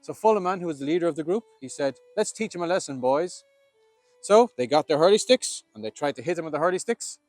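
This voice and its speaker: A man's voice: on the high side, animated, quick pace, hardly any pauses, a little mellow, dry recording, faint music behind. An Irish man telling a myth as a storyteller, with a lilting, dramatic delivery. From Ireland.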